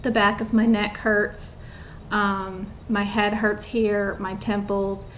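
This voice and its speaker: A woman's voice: medium pitch, little pitch movement, takes it slowly, a bit bright, a little hiss or hum. A young woman chatting casually to camera at home, rambling with lots of ums and a bit out of breath. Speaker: vlogger.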